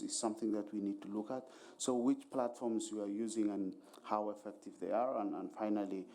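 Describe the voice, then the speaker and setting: A man from Somalia speaking from the conference floor, polite and deliberate, with frequent hesitant pauses. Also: lowish voice, vocal fry, dark tone. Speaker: audience member asking questions.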